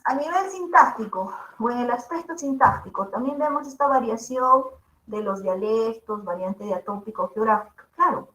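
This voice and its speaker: A woman teacher, giving a linguistics lecture in a lively way and asking her class rhetorical questions often. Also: medium pitch. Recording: echoey room.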